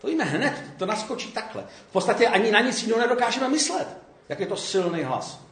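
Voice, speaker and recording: A man giving a relaxed, conversational sermon, often checking in with his listeners. His voice sits a little high and moves around a lot. The room around him is noticeably echoey. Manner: conversational, keeps asking "jo?". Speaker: preacher.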